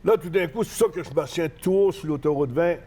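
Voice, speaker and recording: An older man with a Saguenay Quebec French accent, telling a wrestling road story as an interview guest, animated and swearing freely. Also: a little high, fairly quick, slightly rough. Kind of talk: casual anecdote storytelling.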